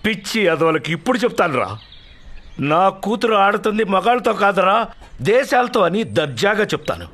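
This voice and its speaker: An actor playing a proud middle-aged father, speaking with emotion as he cheers on his daughter. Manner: emotional, proud and rousing, with lively swings in pitch. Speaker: father of a cricketer. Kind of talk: dubbed film dialogue.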